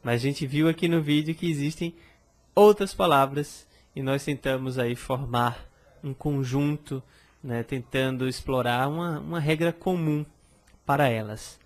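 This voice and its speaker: A man's voice: mid-range voice, unhurried. A man teaching French pronunciation in a casual video lesson, explaining patiently and checking in with the viewer, with a Brazilian Portuguese accent. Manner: friendly, explanatory, frequent tag questions.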